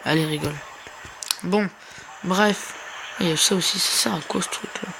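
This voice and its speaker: A woman's voice: fairly low pitch, moderate pace, creaky, noisy background. Chatty woman narrating her gameplay. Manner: chatty, rambling, repeats words. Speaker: gaming video host. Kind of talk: casual gameplay commentary. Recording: music playing behind the voice.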